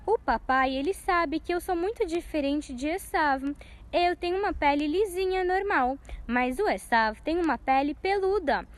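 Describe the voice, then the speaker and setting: A woman's voice: high-pitched, normal speed, natural voice. A woman voicing a worried, hesitant young man in a children's story. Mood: anxious. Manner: anxious, hesitant.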